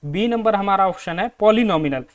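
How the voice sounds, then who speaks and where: An Indian man with a Hindi accent teaches an exam-prep lesson in Hindi and English, reading English sentences out slowly. He repeats questions to his students and then answers them himself. His voice is high-pitched, animated, clear and resonant.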